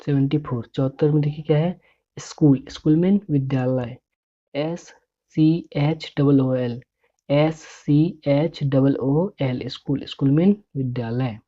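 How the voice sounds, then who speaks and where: A woman with a low voice runs a patient vocabulary drill. She spells each word letter by letter and says its meaning again and again at an unhurried pace. The recording sounds dull and lo-fi. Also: dark tone. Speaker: English teacher.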